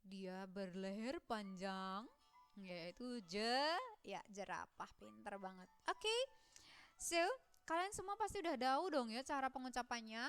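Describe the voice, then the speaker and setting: Slow, clear-voiced woman teaching English. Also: on the high side, expressive, a bit bright, faint music behind. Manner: playful, voices student questions herself; drills words slowly for repetition. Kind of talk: classroom lesson.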